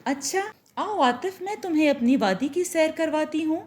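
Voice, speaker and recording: A lovestruck young witch who speaks in a soft, sweet, reassuring way, voiced by a woman reading the tale aloud. The voice is high and warm, and the pitch rises and falls a lot. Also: big pitch swings, a little slow. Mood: gentle. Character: young woman turned witch, loving, possessive.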